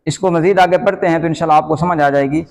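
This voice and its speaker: A man with a Pakistani Urdu accent gives a slow beginner's lesson, drawing out each letter sound and calling it out loudly. His voice sits slightly high. The recording rings with a long, hall-like reverb. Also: steady tone. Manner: patient, repeats letter sounds slowly and loudly. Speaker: Quran reading teacher.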